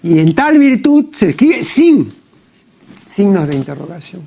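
A man with a high voice and a gravelly rasp delivers studio commentary for a TV program. He is deliberate and pedantic as he lists error after error. He keeps checking in with his listener through short questioning tags. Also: very animated, warm tone, a little hiss or hum. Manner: deliberate and pedantic, with frequent "¿no?" and "pues". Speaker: TV program host. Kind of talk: studio commentary critiquing a translation. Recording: TV program audio.

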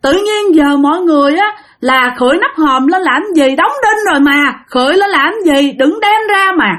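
A woman's voice: expressive, moderate pace, fairly bright tone. A woman with a Southern Vietnamese accent voicing a young widow who wails and sobs as she begs. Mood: wailing. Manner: wailing, sobbing, shrill. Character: young widow wailing and pleading hysterically.

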